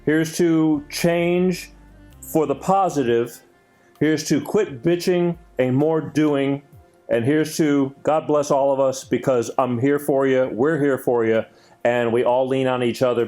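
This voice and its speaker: Male host, earnest, rambling, halting with fillers, faint music underneath. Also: medium pitch, fairly even intonation, darkish tone. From Greek heritage. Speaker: show host. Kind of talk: casual chat show.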